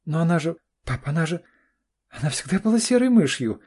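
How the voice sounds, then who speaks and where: An anxious, insistent young daughter, voiced by a man reading an audiobook. He lifts his dark, husky voice well above its usual pitch and keeps her pleading and pushy. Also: sing-song, brisk. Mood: incredulous. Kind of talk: audiobook character voice.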